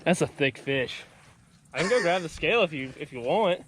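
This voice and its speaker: A man's voice: on the high side, lively intonation, normal speed, a bit bright, slight background noise. A man fishing outdoors at a pond, making short laid-back remarks to his friend. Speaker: fishing companion. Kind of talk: casual chat while fishing.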